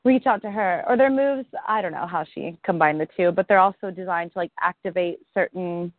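A woman's voice: fairly low pitch, brisk, no echo. Woman musing over a tinny call. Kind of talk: casual chat on a group call. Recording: tinny phone-like call audio.

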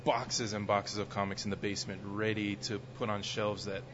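A man's voice: lowish voice, level tone, moderate pace, fairly bright tone, a little hiss or hum. A man who owns a café, giving an upbeat, chatty plug for his place in casual talk and laughing often. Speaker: café owner, podcast guest. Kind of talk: casual promotional chat. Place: his own coffee shop. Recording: muffled recording with café chatter behind.

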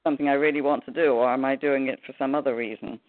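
A man's voice: mid-range voice, steady tone, fast talker, no echo. A man rambling in casual chat on a group phone call. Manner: rambling, chatty. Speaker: call participant. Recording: tinny phone line.

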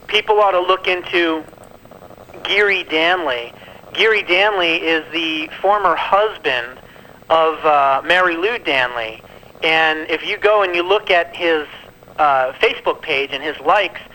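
A man's voice comes over a landline phone as he calls into a radio show, sounding bright and a little high. He rambles through his commentary, thinking aloud and filling gaps with "uh" and "you know.". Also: low-quality recording. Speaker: radio show guest calling in.

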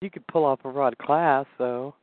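A man's voice: mid-range voice, normal speed, no echo, narrow, tinny audio. A man hosting a casual chat, prompting his guest with teasing questions. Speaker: host.

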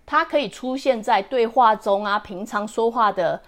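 A woman in her forties with a slightly high, somewhat bright voice hosts a podcast at a moderate pace, giving casual advice in a chatty way. She often checks in with the listener and drops English words into her speech.

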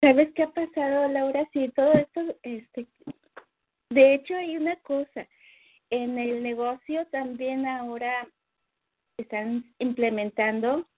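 A woman's voice: high-pitched, fairly even intonation, measured pace. A woman client in a coaching session, hesitant and flustered as she talks. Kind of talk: coaching conversation. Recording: tinny phone-like call audio.

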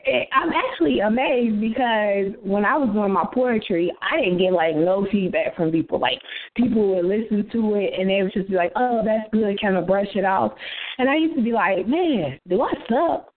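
A soft-voiced spoken word poet, medium in pitch and moderate in pace, chats casually as an interview guest and tells stories. She's chatty and fills them with quoted dialogue from herself and others. The sound is tinny, like phone-line internet radio.

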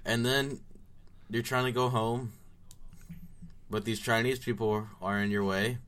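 A man's voice: mid-range voice, steady tone, unhurried, a bit bright. A man chatting casually as a guest on a gaming podcast, playful and teasing.

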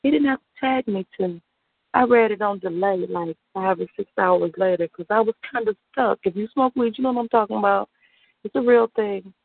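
A woman who is high on weed, talking in a languid, drifting stoner manner in a relaxed personal monologue. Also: a little fast, creaky, dry recording. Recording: thin, narrow phone line.

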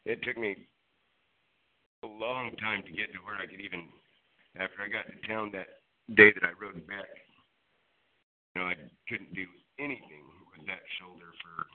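A man on a phone call whose voice keeps fading in and out, quiet and distant, worn from a recent illness, talking in a plainspoken, halting way that trails off mid-phrase. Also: low-pitched, steady tone. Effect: phone voice fading in and out, dropping quiet and distant. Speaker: phone interview guest. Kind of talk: casual storytelling chat. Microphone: phone held in hand. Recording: tinny phone line with dropouts.

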